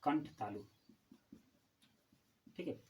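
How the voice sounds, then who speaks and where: A man teaching a Hindi grammar lesson for exam preparation, asking questions and answering them himself and repeating key terms slowly. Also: dark tone, poor audio.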